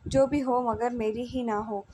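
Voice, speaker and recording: A woman's voice: fairly high pitch, fairly even intonation, measured pace, background noise, natural voice. A woman voicing an angry, protective young husband in a storybook romance, speaking sternly. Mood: coaxing. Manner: stern and scolding, then coaxing.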